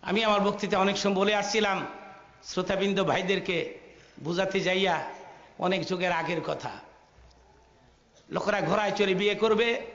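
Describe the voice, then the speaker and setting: A man's voice: high-pitched, a bit bright. A man preaching a Bengali sermon, acting out the quoted figures, sometimes singing Arabic phrases, and calling on the crowd to respond. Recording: lo-fi echoey recording of a sermon.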